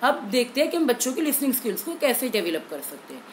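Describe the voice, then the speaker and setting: A young woman teacher explaining an exam-prep language lesson clearly and steadily, slowing down on key terms. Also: a little high, sing-song, slight background noise, poor audio.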